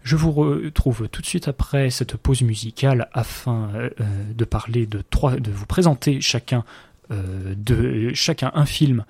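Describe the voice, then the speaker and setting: Husky, dark-voiced male show host. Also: medium pitch, unhurried. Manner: relaxed, conversational presenter. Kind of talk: casual film discussion.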